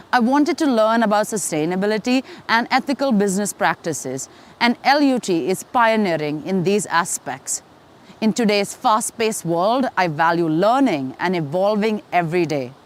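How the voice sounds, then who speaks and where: A young woman from India speaking in a prepared video testimonial about her studies. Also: medium pitch. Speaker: student giving a testimonial.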